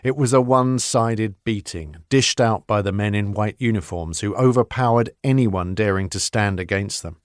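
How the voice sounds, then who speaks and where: A male narrator with a lowish voice, reading a horror novel in a steady, measured way. The sound is close and dry, with no room echo. His storytelling stays even while the scenes turn violent. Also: clean tone. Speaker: audiobook narrator. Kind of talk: scripted audiobook narration.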